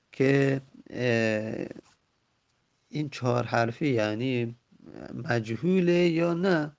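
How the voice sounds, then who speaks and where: A man teaching grammar from a textbook, patiently repeating word forms and spelling them out slowly. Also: medium pitch, creaky, a little mellow. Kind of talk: recorded lesson explaining a textbook.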